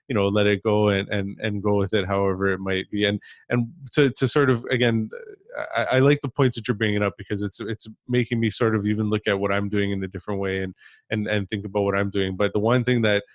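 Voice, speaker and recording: Podcast host, male, flat steady delivery, thinks aloud with restarts. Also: on the low side, fairly quick, dry recording, highs cut off. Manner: reflective, rambling with many restarts. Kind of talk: casual podcast conversation.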